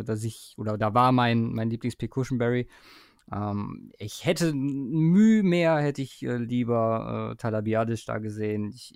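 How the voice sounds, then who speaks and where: A man's voice: mid-range voice, creaky, darkish tone, no echo, studio quality. A man hosting a casual sports podcast, talking with many hesitations and fillers as he leads the conversation. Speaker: podcast host.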